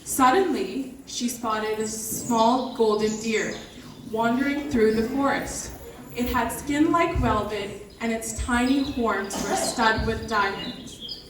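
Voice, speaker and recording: A woman reading a scripted story aloud as narrator for a stage dance drama, steady and slowing for descriptive passages. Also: on the high side, noisy background. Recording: echoey hall from far off, music behind.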